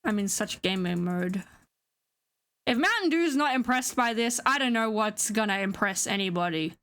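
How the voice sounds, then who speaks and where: A woman's voice: medium pitch, lively intonation, moderate pace, fairly bright tone, clean tone. A young adult woman streamer in a live-stream gaming chatter, giggly and playfully melodramatic.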